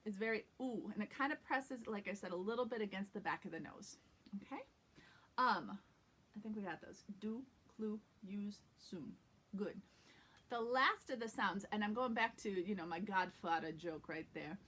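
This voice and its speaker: A woman's voice: mid-range voice, moderate pace, pushed and bright, breathy edge, rough recording. A woman giving a casual accent lesson as an acting coach, chatting and demonstrating vowel and consonant sounds aloud.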